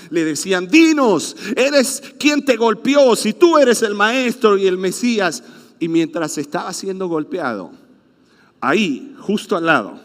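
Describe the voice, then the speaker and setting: A man with a Venezuelan accent preaches a sermon in a church, telling the story with plenty of drama. His voice sits high and he takes his time. The hall around him rings with a long reverb. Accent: Venezuelan Spanish. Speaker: pastor.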